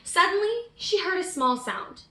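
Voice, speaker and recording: Very high-pitched and very animated, a woman reads a picture book aloud to young children without hurrying, asking them questions to keep them involved. There's noise in the background, and the room sounds echoey.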